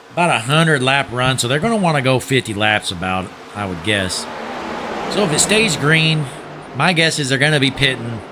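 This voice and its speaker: A young man with a medium-pitched voice gives folksy play-by-play commentary on a sim race, joking and calling out to "folks" as he loses his voice. Background noise can be heard.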